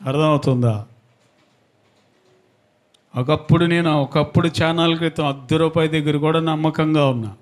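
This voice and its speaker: A man's voice: on the high side, fairly even intonation, normal speed, pauses often. A man preaching a sermon as a pastor, calling out hallelujahs and telling stories to the congregation. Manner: preaching with call-and-response hallelujahs.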